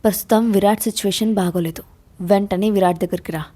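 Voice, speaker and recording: A woman voicing a menacing young man, a gangster who speaks gravely and slowly. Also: mid-range voice, fairly even intonation, warm tone, close to an everyday voice. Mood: stern. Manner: grave and slow.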